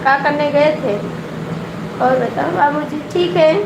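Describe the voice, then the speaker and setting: A woman with an Awadhi accent chats slowly with viewers in a phone live stream, her voice set high. She teases people and keeps coaxing them to comment. The room echoes, and a loud air cooler roars behind her. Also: heavy background noise. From Awadh region, India. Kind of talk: casual chat with live viewers.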